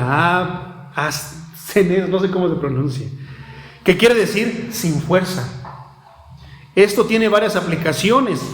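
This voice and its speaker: A man's voice: high-pitched, reverberant. A man, preaching a sermon to a congregation, asking rhetorical questions and calling listeners brother. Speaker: pastor. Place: church.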